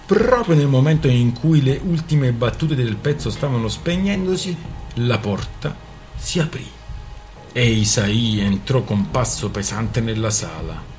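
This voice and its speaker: A man's voice: medium pitch, lively intonation, unhurried, darkish tone, faint music behind. A man reading a novel aloud on a radio show in a storytelling manner. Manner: storytelling, acting out characters. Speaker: reader.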